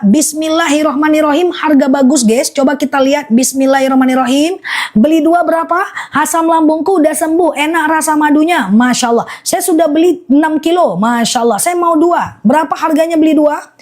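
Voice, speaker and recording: A woman hosting a live shopping stream, reading out viewer comments and repeating prices and lists of ailments slowly. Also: high-pitched, a little mellow. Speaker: live-stream honey seller. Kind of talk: live shopping sales pitch.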